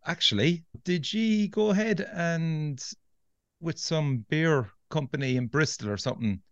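A man's voice: on the high side, measured pace, no echo, dull audio. An Irish-accented man hosting a podcast in a casual, matey, enthusiastic way. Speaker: podcast host.

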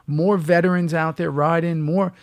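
A man's voice: on the high side, normal speed. An actor from the US East Coast, a man, telling anecdotes as a guest in a casual interview, acting out the lines of people in his stories. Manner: lively anecdotes, acts out quoted dialogue.

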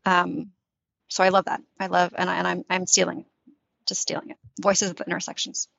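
A literary translator, born in Tunisia and raised in the US, reflects thoughtfully in an interview, often restarting to find the right words. Her voice is low, monotone, brisk, gravelly and a bit bright, captured in a dull, lo-fi, dry recording with no echo.

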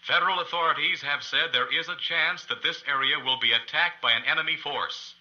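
An actor playing an official male radio announcer giving a grave, formal, measured civil defense broadcast. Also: on the high side, muffled recording. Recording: radio broadcast with loud music behind, band-limited.

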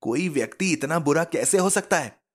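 A high, bright-voiced schoolboy, eager and quick to tears, bursting with excitement over seeing his friends, as a man puts him on in a storybook reading. The voice sits well above an adult's and sounds a little set apart in tone. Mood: disgusted. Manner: eager, emotional, exclaiming. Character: tearful excitable schoolboy Ben.

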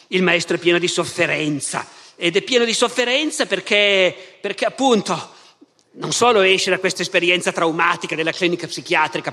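High, bright lecturer. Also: male voice. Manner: lively, conversational, with asides. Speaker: history professor. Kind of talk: public lecture. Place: festival lecture hall. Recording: reverberant festival hall.

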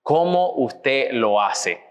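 Upbeat male podcast host, chatty, fillers, mid pitch. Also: extremely slow. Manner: upbeat, lively delivery with frequent fillers. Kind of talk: energetic podcast hosting and interviewing.

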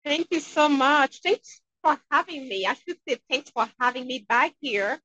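A woman from Haiti with a Haitian accent, a dentist being interviewed, talking in an upbeat, expressive way. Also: high-pitched, moderate pace, no room sound, muffled recording. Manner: upbeat, expressive, acts out quotes. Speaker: guest dentist. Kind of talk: interview conversation.

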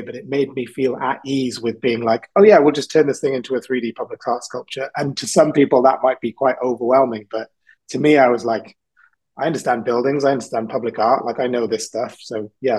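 Husky-voiced man from South Wales. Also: medium pitch, fairly even intonation, fairly quick, darkish tone, rough recording. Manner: thoughtful, rambling, with frequent ums and laughs. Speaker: podcast guest, artist. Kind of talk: casual conversational interview.

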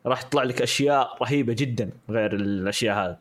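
A man co-hosts a casual podcast at a brisk clip. His voice sits at an everyday middle pitch, and he fills his sentences with hesitations and quick restarts. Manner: rapid, hesitant with many fillers and restarts. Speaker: podcast co-host.

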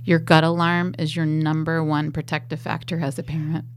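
A woman's voice: deep voice, flat delivery, moderate pace, clear, resonant tone, no echo. A woman guest on a podcast, speaking firmly and urging parents to act. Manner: firm, urging. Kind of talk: casual interview talk.

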